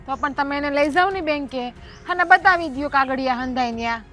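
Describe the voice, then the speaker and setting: An actress playing a level-headed village wife who chides her husband and urges calm, with a Kathiawadi Gujarati accent. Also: sits high, a little fast, faint music behind. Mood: reasoning. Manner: chiding, urging calm. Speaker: wife of the elder brother. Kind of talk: rural family drama acting.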